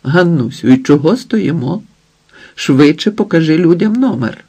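A man's voice: mid-range voice, expressive, measured pace. A man reading the eager, leering lines of a pushy, lecherous bald man.

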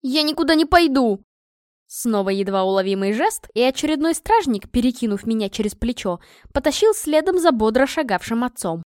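Woman, first-person audiobook narration, expressive, a bit high, dry sound. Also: a little fast, few pauses, no echo.

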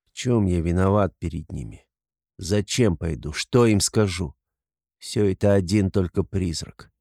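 Brooding bitter young man, read by a man, low voice, dry sound, audiobook. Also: unhurried, gravelly, dark tone, no echo, exaggerated voice. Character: tormented gloomy young man, bitter and proud.

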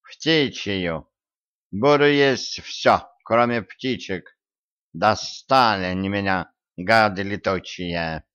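Guy voicing a grumbly whiny tomcat, slow drawl, lo-fi audio. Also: on the low side, a bit bright, clear, resonant tone. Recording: dull lo-fi audio.

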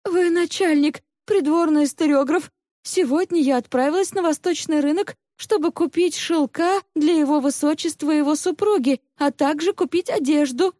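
A terrified young palace maidservant begs for her life, tearful and pleading, her voice lifted high and strained. A woman reading the story does this voice. The delivery is close and dry, with no room around it. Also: moderate pace, warm tone, dry recording, natural voice. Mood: frightened pleading.

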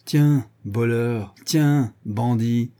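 A man's voice: mid-range voice, moderate pace, breathy edge, lightly acted. A man voicing a brutal, drunken, grandiose male villain who rants and hurls insults, in an audiobook reading. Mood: furious. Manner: ranting, exalted, shouting insults.

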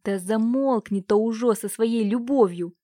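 A woman's voice: medium pitch, normal speed, mellow, no room sound, studio quality, lightly acted. A woman voicing a cruel, domineering uncle who scolds and threatens his niece. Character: cruel domineering middle-aged uncle, man.

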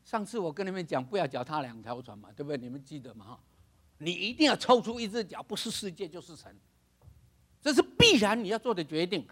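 An older male pastor preaching a sermon. He is dramatic, acts out other people's voices, laughs and shouts for emphasis. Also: sits high, lively intonation, quick pace.

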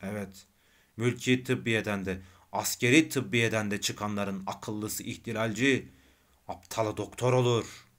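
A bitter, irritable man wasting away from tuberculosis, as a male narrator puts him on, his low voice grumbling and slow. He snaps and shouts in bursts, cantankerous to the end. A storybook reading. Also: fairly even intonation. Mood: shouting.

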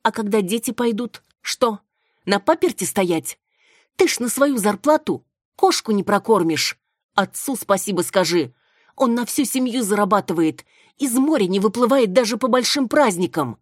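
A woman voicing a defiant, sharp-tongued young village woman who scorns an arranged match. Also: medium pitch, expressive, moderate pace, dry recording, clean studio sound, voice pushed up, close to an everyday voice. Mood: defiant scornful. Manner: scornful, cutting.

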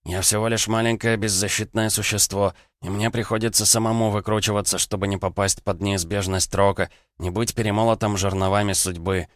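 A sly little crossroads demon who wheedles and pleads in a deep, smooth, low voice, as a male narrator puts him on. The recording is dry and close, with almost no room sound. He sounds ingratiating and self-pitying, as in a fantasy storybook. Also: steady tone, a little fast, few pauses, no echo, lightly acted. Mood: wheedling.

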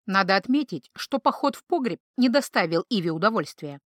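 Woman, audiobook narrator, fantasy, even storytelling, dry recording. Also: mid-range voice, a little fast, no room sound. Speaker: audiobook reader. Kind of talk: scripted narration.

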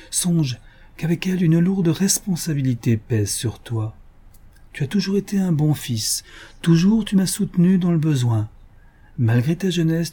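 A man voicing a gentle, solemn, dying mother in an audiobook, speaking in a raised pitch. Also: breathy edge. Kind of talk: audiobook character reading.

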